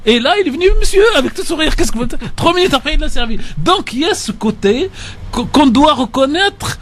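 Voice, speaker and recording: A man's voice: very high-pitched, a little fast. A man speaking as a radio studio guest in a debate, telling anecdotes animatedly and acting out the dialogue. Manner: animated storyteller, acts out dialogue.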